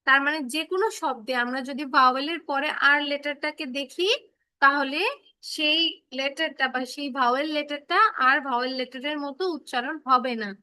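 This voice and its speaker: A woman's voice: sits high, fairly even intonation, a little fast, pushed and bright, no room sound. A woman teaching English phonics to children in a class, explaining patiently, repeating herself and checking that they understand.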